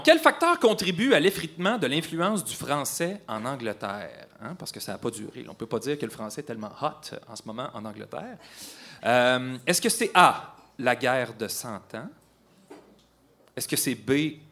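A man's voice: medium pitch, a bit bright. A man with a Quebec French accent hosting a playful quiz on air, teasing and laughing between questions. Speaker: radio quiz host.

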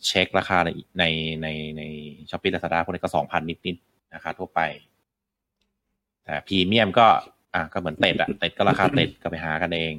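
A man talks through a video game with his co-hosts, wandering through his points with fillers and restarts. His voice sits very low. The mic is close and dry, with no room sound. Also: fairly even intonation, normal speed, fairly bright tone, no echo. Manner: rambling, many fillers and restarts. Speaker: game podcast host. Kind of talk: casual game discussion.

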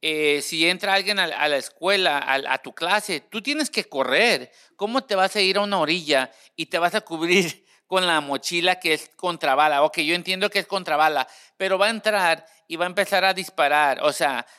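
A man's voice: on the high side, normal speed, few pauses, pushed and bright, smooth. A man co-hosting a casual talk show, thinking aloud with hesitant fillers and frequent backchannel replies. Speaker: podcast co-host. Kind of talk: casual chat.

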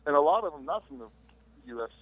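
A middle-aged man calling in remotely as a podcast guest, recalling his career in a relaxed, rambling way with fillers. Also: a little high, fast, dry recording. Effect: heard over a remote phone call. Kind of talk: casual interview storytelling. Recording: tinny dry phone-line audio.

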